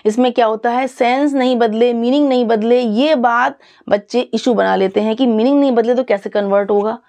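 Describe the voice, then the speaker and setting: Slow-explaining woman teacher. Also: fairly high pitch, steady tone, mellow. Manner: explains step by step, asks rhetorical questions, reads English examples slowly. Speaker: English grammar teacher. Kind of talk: bilingual classroom lecture.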